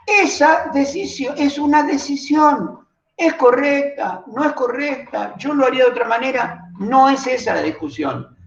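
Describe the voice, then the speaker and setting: A man lectures in a reflective, measured way, putting rhetorical questions to his class. His pitch rises and falls widely while his pace stays slow. The sound is roomy and a bit muffled, like a lo-fi class recording. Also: expressive, gravelly. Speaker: workshop teacher. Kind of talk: lecture on reading aloud.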